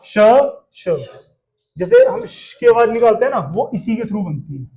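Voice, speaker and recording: A man's voice: very high-pitched, huge pitch swings, normal speed, warm tone. A male Hindi teacher, giving a classroom lesson and drilling pronunciation by asking the class questions.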